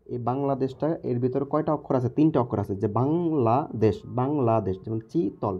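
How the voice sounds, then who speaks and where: A man's voice: medium pitch, quick pace, lo-fi sound. A man teaching a recorded lesson, repeating key words and checking in with the viewer.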